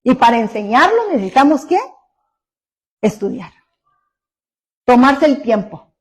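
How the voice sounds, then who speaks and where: A woman's voice: a little high, sing-song, a little slow, husky, rough recording. A woman pastor preaching a sermon, emphatic, full of rhetorical questions to the congregation.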